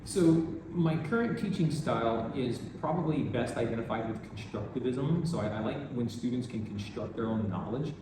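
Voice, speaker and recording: A man from the United States, an older math teacher, answering interview questions in a relaxed, rambling way with many restarts. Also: mid-range voice, normal speed, hardly any pauses, background noise. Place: school in Vietnam. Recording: echoey room, distant mic, music behind.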